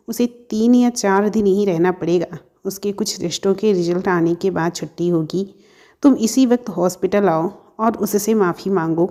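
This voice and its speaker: A man's voice: high voice, natural voice. A woman doing a stern scolding father. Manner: sharp, reproachful. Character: stern father scolding his grown daughter.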